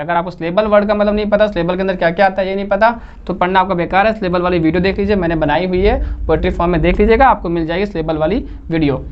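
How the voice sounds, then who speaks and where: A woman lecturing as an English literature teacher, who asks her listeners questions, repeats the key terms and keeps checking in with them. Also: medium pitch. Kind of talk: classroom-style lecture. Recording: slightly muffled recording.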